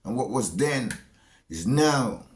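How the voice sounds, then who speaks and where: A man with a Jamaican accent speaks in a slow, deliberate way, as if preaching. He drives his points home by repeating phrases. His voice sits at an ordinary pitch and rings in a roomy, echoey space. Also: expressive. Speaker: speaker giving a monologue. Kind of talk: preachy spoken monologue.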